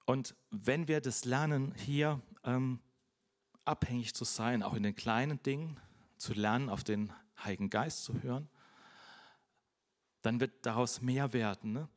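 A man's voice: medium pitch, a little slow. A man preaching an informal sermon, chatty and direct, with everyday examples and frequent "ne?" tags.

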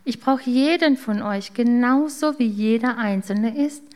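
A woman voicing a kind male master baker who speaks tenderly and slowly in a spoken storybook. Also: fairly high pitch, darkish tone, close to an everyday voice. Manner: tender, reassuring, slow.

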